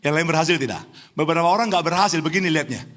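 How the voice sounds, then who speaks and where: A middle-aged man from Indonesia preaching a lively sermon in a church, teasing the congregation and rising to near-shouts. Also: fairly high pitch, racing. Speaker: pastor. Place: church hall.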